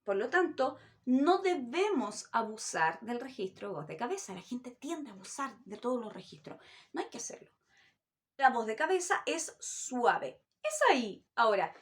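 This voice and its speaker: A woman's voice: sits high, a bit bright. A middle-aged woman, teaching a vocal technique lesson and demonstrating sounds as she explains. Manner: demonstrative, with sung vowel and animal-sound examples. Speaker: voice coach.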